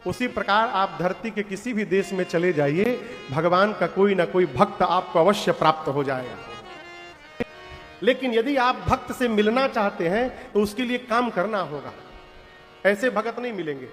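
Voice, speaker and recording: High-voiced Purvanchal preacher telling sacred stories. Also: male voice, lively intonation, moderate pace, fairly bright tone. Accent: Purvanchal Hindi. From Purvanchal, India. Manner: folksy, addresses the audience directly. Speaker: devotional katha storyteller. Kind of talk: devotional storytelling sermon with sung verses. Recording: long hall reverb with music.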